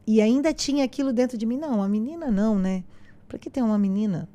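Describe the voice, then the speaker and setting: A woman, a podcast guest sharing a personal faith testimony in a casual, animated way, acting out the dialogue she retells. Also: a little high, quick pace. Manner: animated storyteller who acts out quoted dialogue.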